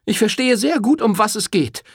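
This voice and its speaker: A man's voice: high-pitched, animated, normal speed, slightly rough, no room sound, clean studio sound, voice pushed up, full character voice. A man voicing a fierce, defiant young woman farmer in an audiobook reading, speaking in an indignant, proud manner.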